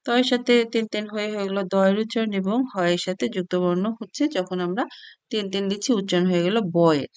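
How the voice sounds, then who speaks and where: A woman's voice: medium pitch, fairly even intonation, darkish tone, no room sound. A woman teaching a language lesson, reading syllables out one by one from a chart. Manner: reads sounds one by one, clear and unhurried.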